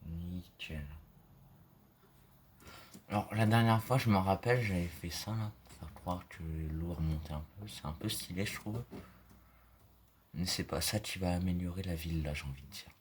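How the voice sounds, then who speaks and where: A man with a deep, low voice talks through his gameplay in a loose, rambling way, leaning on fillers and now and then sinking into soft murmurs. Faint mouse and keyboard clicks sit behind him. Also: normal speed, long pauses, a little hiss or hum. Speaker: gaming video creator. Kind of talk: casual gameplay commentary.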